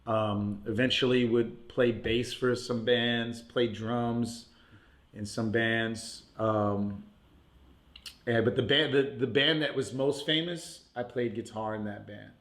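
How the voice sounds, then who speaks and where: A man's voice: medium pitch, fairly even intonation, slow pace, a bit bright. A man from Puerto Rico, raised in New York, chatting loosely as a podcast guest, laughing often and leaning on "like" and "you know.". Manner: laid-back, laughs often, many "like" and "you know" fillers. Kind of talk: casual interview chat. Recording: roomy echo.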